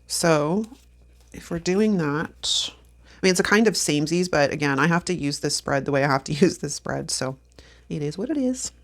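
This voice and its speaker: A planner vlogger in her fifties, sniffly from allergies, chats casually with viewers while decorating her planner, talking to herself and laughing often in a plan-with-me style. Her voice sits low and is expressive, at a normal speed.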